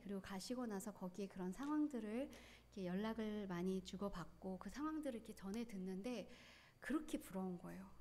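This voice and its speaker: A woman's voice: fairly high pitch, mellow, a little hiss or hum. A woman in her forties with a Gyeongsang accent, giving an earnest, emotional personal testimony at church. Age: 40s. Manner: earnest, tearful, quick bursts of feeling.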